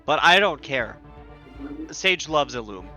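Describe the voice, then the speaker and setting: A man's voice: a little high, big pitch swings, takes it slowly, pushed and bright, soft background music. A man playing in a tabletop game, chatting casually, swearing and saying "like" a lot. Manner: casual, swears, says "like" often. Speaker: player.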